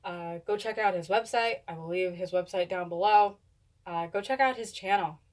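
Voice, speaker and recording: A woman's voice: on the low side, moderate pace, a little mellow. A young adult woman chatting casually to camera in a rambling, stumbling way, talking with a lip full of dip. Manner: rambling, stumbles over words. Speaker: video blogger doing a product review. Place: indoors, small home room. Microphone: camera at a short distance.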